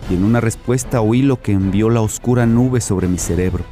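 A man narrating as a haunted, deep-voiced storyteller. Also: warm tone, close to an everyday voice. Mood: grave. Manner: grave, measured storytelling. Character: haunted man recounting a horror. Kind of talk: dramatic horror narration. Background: music.

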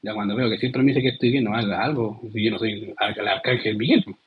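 Man, Chilean accent, pastor, sermon, earnest, very breathy raspy voice, dull lo-fi recording. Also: on the low side, fairly even intonation, quick pace. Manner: earnest, addresses listeners as "querido".

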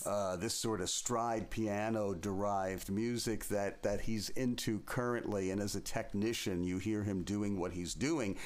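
Playful, discursive man hosting an interview. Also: fairly low pitch. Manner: discursive, playful, thinks aloud with vivid mimicked examples. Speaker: interviewer and host. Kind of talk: conversational music interview.

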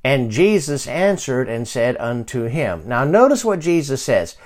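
A man in his fifties preaching a sermon, reading scripture slowly and moving from quiet asides to loud calls to pray. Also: mid-range voice, big pitch swings. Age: 50s. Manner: reads scripture slowly and deliberately. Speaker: pastor.

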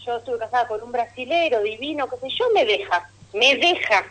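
A woman with a Rioplatense Argentine accent delivers a stand-up monologue on radio. Her voice sits fairly high and swoops up and down a lot as she tells her stories. She throws chatty asides to the audience and laughs at her own punchlines. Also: expressive, a little fast, fairly bright tone, poor audio. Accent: Rioplatense Argentine Spanish. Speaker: stand-up comedian.

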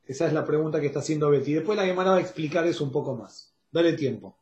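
A man with a Rioplatense Spanish accent teaches an online Talmud class, laying out each point step by step and pausing to check that everyone follows. His voice sits fairly high for a man. The sound carries a roomy echo. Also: darkish tone, lo-fi sound. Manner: explains step by step, checks in with "¿está bien?". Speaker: Torah teacher.

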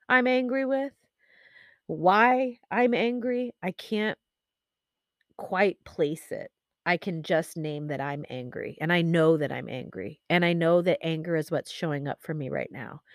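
A woman hosting her own podcast, grieving and speaking candidly in a halting, reflective monologue full of pauses and fillers. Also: fairly low pitch, dry recording, clean studio sound. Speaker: podcast host.

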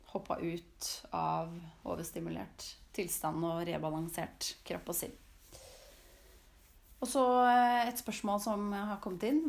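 Speaking about sensitivity, this host talks informally to her audience in a gravelly, mid-range voice with a darkish tone. Her delivery is thoughtful, full of fillers and restarts as she hunts for the right words.

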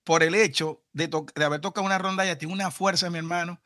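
A man hosting a podcast in casual chat, with a bright, light voice, excitable and laughing as he talks. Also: fairly high pitch, fast. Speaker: podcast host. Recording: crowd chatter and clear background noise.

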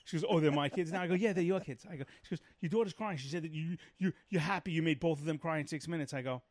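A middle-aged man on a podcast, telling a story in a loud, profane rant and acting out the quotes. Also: a little high, very fast, dry recording, clean studio sound. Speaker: podcast co-host. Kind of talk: casual chat, storytelling.

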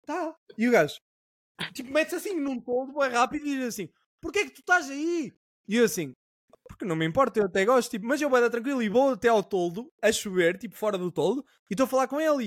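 A young Portuguese man co-hosting a relaxed podcast, spinning lively, slangy anecdotes with casual swearing. His voice sits high and the words tumble out fast. The sound is dry and close. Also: dry recording. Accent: European Portuguese. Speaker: podcast co-host.

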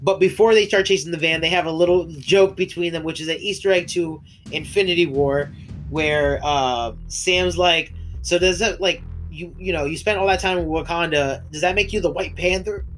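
A man's voice: a little high, normal speed, fairly bright tone, faint music behind. Rambling man recapping a show. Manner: rambling retelling with laughs and restarts. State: coughing, voice breaking. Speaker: podcast co-host. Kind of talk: casual recap chat.

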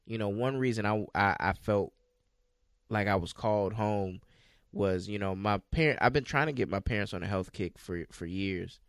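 Low-voiced man, relaxed podcast chat from bed. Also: moderate pace, no room sound, clean studio sound. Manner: relaxed, talking while lying in bed. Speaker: podcast co-host. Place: bedroom, recorded in bed.

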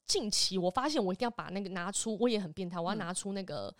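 A woman in her thirties with a Taiwanese Mandarin accent, co-hosting a podcast and telling stories in a lively, laughing way. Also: medium pitch, no room sound, clean studio sound. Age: 30s. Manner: animated storyteller, quick to laugh. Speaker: podcast co-host. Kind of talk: casual chat.

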